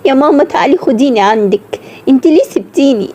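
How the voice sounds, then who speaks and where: A woman's voice: sits high, animated, fast talker, warm tone. A woman voicing frightened young Egyptian sisters. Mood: anxious. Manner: pleading, anxious. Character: frightened young sisters, nineteen-year-old girls.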